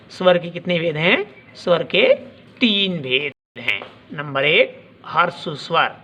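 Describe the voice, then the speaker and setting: A man teaching a grammar lesson, dictating definitions slowly and repeating questions to the class. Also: on the high side, bright, forceful tone, highs cut off, slight background noise.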